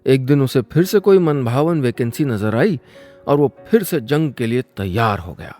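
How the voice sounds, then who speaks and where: Expressive male radio storyteller. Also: normal speed, faint music behind. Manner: expressive, playful, shifts pitch for dramatic effect. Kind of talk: scripted radio story narration.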